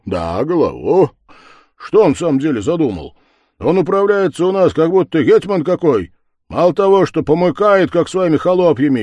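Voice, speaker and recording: A man's voice: very deep voice, no echo, voice pushed down. A man voicing a burly young carouser who eggs on his friends, in a storybook reading. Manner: loud, fast, brash. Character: burly young male carouser, rowdy and brash.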